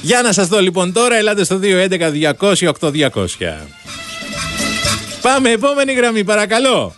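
A man's voice: high-pitched, sing-song, a bit bright, soft background music. A man hosting a call-in radio quiz, teasing and playful with his callers.

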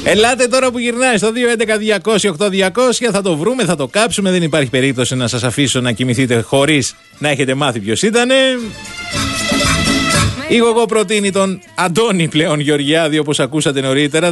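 A man runs a call-in radio quiz in a fairly high voice that swings widely in pitch. He teases his callers playfully. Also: expressive, a bit bright, faint music behind.

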